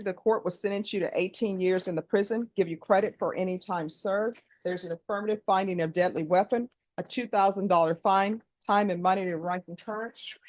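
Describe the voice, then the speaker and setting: A woman's voice: medium pitch, no room sound, rough recording. Female judge in formal courtroom delivery. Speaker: judge presiding over a plea hearing. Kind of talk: formal courtroom questioning, scripted legal recitation.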